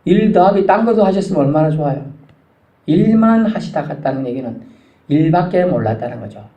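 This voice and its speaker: A male pastor preaching a sermon, animated, his voice climbing high when he stirs the congregation. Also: a little fast, dull audio. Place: church sanctuary. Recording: echoey church sanctuary.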